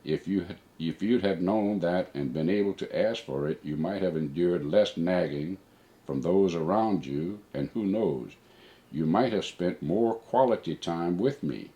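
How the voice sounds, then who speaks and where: An older man with a very deep, warm voice, like a father figure, suited to reading personal letters and reflections at an unhurried pace.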